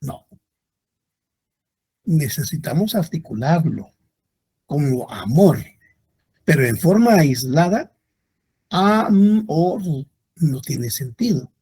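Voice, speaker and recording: A male university lecturer, teaching at an unhurried, deliberate pace. His voice has a husky, slightly breathy grain, and his pitch rises and falls in a lively way as he repeats examples for the class.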